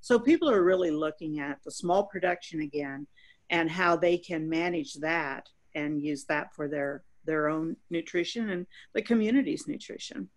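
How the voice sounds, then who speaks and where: An older woman farmer on a video call from home, answering in an earnest, unhurried way with some restarts. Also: low voice. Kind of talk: webinar panel answer. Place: home room by a bright window. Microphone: laptop webcam on a video call.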